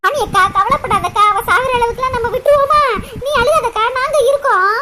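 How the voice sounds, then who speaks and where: Cartoon village woman, voiced by a woman, squeaky and very high, earnest pleading friend. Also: a little fast, background noise. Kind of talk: cartoon comedy dialogue.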